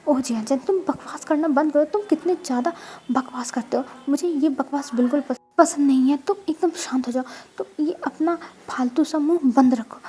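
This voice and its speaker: A woman's voice: high-pitched, normal speed, lightly acted. A woman voicing a jealous, reserved young man who gets flustered and snaps at his friend, in a storybook reading. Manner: flustered, sharp-tongued.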